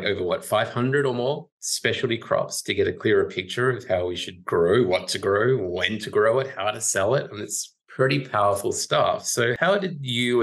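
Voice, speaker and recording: A man hosting a casual podcast interview, enthusiastic and easily excited. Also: lowish voice. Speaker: podcast host.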